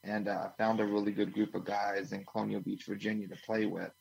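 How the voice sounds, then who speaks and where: A man's voice: fairly low pitch, brisk, vocal fry, breathy edge, rough recording. A man from Washington, D.C., a band drummer and interview guest, answering casually with many uhs between phrases. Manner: relaxed, filler-heavy, uh between phrases.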